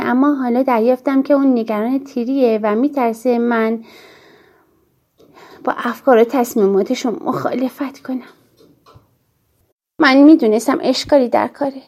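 Brief: woman audiobook narrator, high-pitched yet mellow, calm and measured.

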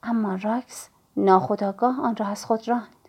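A woman narrating a novel in the first person, telling the story at a measured, steady pace. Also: medium pitch, breathy edge. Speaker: audiobook narrator.

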